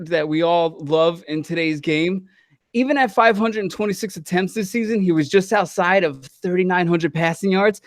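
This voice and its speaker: Man, sports podcast host, joking, casual, high voice, dry sound. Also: no echo. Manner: playful, joking, swearing.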